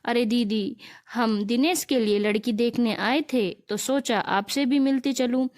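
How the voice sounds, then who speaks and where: Woman reading a chatty aunt-type sister-in-law dropping by, friendly, higher voice. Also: a little slow, darkish tone, close to an everyday voice. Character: chatty middle-aged sister-in-law visiting family.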